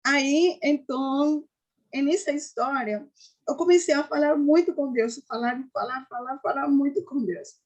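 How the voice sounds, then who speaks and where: A woman giving an earnest personal faith testimony, often halting and restarting. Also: high-pitched. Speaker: testimony giver.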